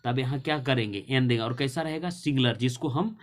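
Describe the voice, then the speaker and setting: A male English teacher, explaining a lesson slowly, spelling words letter by letter and asking and answering his own questions. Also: medium pitch. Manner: slow, drawn-out dictation of spellings. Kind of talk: classroom lesson explaining translation.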